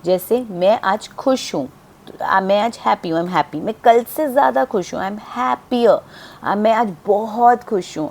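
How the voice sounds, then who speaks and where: A patient woman teacher walks learners through a grammar lesson. Her voice is warm and mellow, and she slows right down whenever she spells out an example sentence. She often pauses to make sure everyone has followed. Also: medium pitch. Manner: patient, repeats key points and checks understanding. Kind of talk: classroom lesson explaining grammar.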